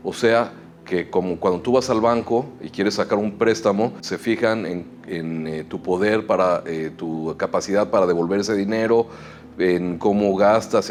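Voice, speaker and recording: A middle-aged chamber of commerce president from Mexico answers interview questions in a measured way, hesitating frequently. He speaks with a Mexican Spanish accent in a lowish voice with a darkish tone.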